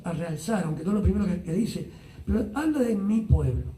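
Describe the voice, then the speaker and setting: Pastor, male, high mellow voice, unhurried Bible study talk with fillers, heard from a distance in a roomy space. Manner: unhurried, many "ah" fillers and tag questions. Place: church Bible study streamed live online.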